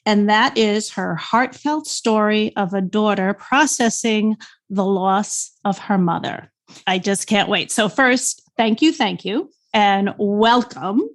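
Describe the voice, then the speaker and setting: A woman's voice: medium pitch, slow. A woman in her sixties with a New York accent, hosting a podcast in an enthusiastic, chatty way. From New York State. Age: 60s. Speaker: podcast host. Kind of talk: upbeat podcast intro and interview.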